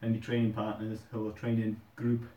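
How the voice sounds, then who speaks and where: A man's voice: lowish voice, completely flat delivery, normal speed, mellow. A British man hosting a casual workout vlog, chatting informally while he does push-ups. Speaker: host of a fitness challenge video. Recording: roomy echo, distant microphone.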